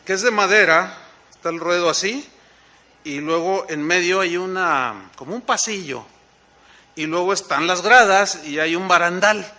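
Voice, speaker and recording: A man preaching a sermon with a Mexican accent, telling a lively personal story and often checking in with his listeners through questions. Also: high voice, moderate pace. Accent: Mexican Spanish. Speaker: pastor.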